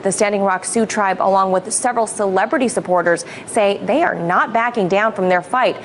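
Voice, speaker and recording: A woman news reporter reads a scripted report at a steady, measured pace. Her voice sits in a middle pitch, with a faint hum underneath.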